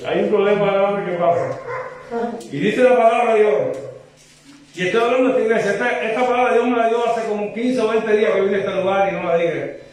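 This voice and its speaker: A man from Cuba preaches with fervent conviction, his voice pitched high and climbing into shouted exhortation. He sounds far from the mic, and the church rings with heavy echo. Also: brisk. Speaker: visiting pastor. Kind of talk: preaching testimony. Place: church sanctuary.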